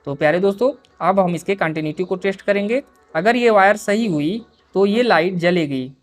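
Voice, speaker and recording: A man's voice: sits high, expressive, moderate pace, faint music behind. Patient man talking viewers through a repair. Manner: explains patiently while working, often addresses viewers as dear friends. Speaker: repair video host. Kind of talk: step-by-step repair tutorial.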